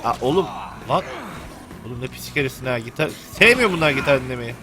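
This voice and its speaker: A man's voice: medium pitch, fast talker, background noise. A young man commenting on a video game while he plays, joking and cursing at the characters. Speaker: gameplay commentator. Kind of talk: let's play commentary.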